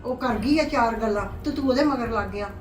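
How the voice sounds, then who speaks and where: A woman's voice: a little high, fairly quick, lightly acted. A woman as a patient Punjabi mother, heard from afar. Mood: soothing. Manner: soothing, pleading advice. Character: patient middle-aged mother calming her angry son. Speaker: mother of the husband. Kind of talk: family drama acting. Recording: roomy sound from a distance, faint music.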